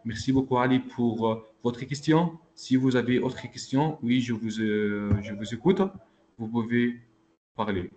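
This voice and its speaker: A man's voice: mid-range voice, fairly even intonation, measured pace, a little mellow, a little hiss or hum. Patient male teacher on a video call. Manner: patient, repeats checks like "ok?" and "d'accord?". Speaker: Arabic teacher. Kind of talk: online class teaching.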